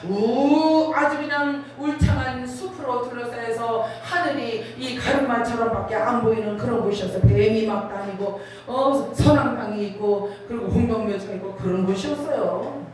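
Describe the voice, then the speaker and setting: A middle-aged woman preacher pours out a dramatic personal testimony, her fairly high voice swinging between hushed and soaring. She sounds set back from the mic in a big hall full of echo, with a faint hiss underneath. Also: normal speed, hardly any pauses. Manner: emotional, dramatic storytelling with sudden rises. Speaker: revival preacher. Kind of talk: sermon testimony. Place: large prayer retreat hall. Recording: very echoey hall, voice from far off.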